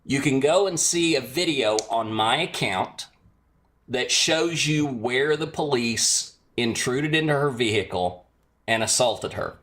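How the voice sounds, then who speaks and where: A man calling in to a live stream, telling a friend's story in a measured, hesitant way with many pauses. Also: mid-range voice, expressive, a bit bright. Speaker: caller. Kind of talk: telling a personal account.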